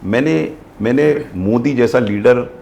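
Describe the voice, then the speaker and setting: A man's voice: mid-range voice, measured pace, vocal fry, a little hiss or hum. A man in his sixties, a retired senior civil servant, giving earnest interview answers and often switching into English. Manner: emphatic, animated, earnest explaining.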